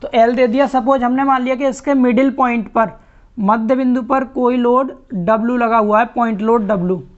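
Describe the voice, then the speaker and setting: A man's voice: very high voice, fairly even intonation, moderate pace. A man teaching an online lecture, explaining step by step and repeating key terms. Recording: muffled lo-fi recording.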